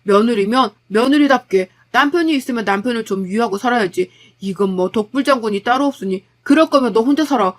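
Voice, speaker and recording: A woman's voice: on the high side, fairly quick, hardly any pauses, lightly acted. Woman reading a blunt exasperated husband. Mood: reproachful. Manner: blunt, reproachful arguing. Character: exasperated husband arguing with family.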